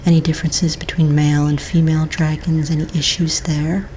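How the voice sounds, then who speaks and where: Keyboard typing and faint-to-clear background noise accompany a calm, polite woman voicing a patient office manager at a fantasy pet registry for ASMR. Her low voice, close to everyday speech with little pitch movement, comes as a gentle, breathy near-whisper, slowed by hesitant pauses over paperwork.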